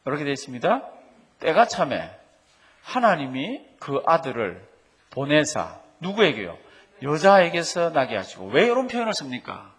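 A man's voice: on the high side, wildly swooping pitch, moderate pace, fairly bright tone, slightly rough. A middle-aged man preaching a sermon as pastor, emphatic, quoting scripture and stressing key phrases.

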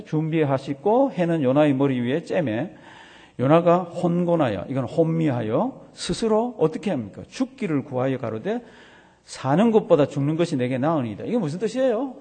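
A male pastor preaches with a lively, swooping delivery and a somewhat high voice. His tone is husky and mellow. Long reverb from the hall trails behind each phrase. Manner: animated storytelling with vivid sound words. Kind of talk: sermon.

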